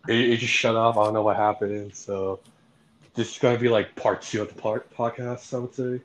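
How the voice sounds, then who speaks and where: A teenage boy co-hosting a student podcast over a remote call, talking haltingly with many fillers. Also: on the low side, level tone, low-quality recording. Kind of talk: casual chat. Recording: remote call with background noise.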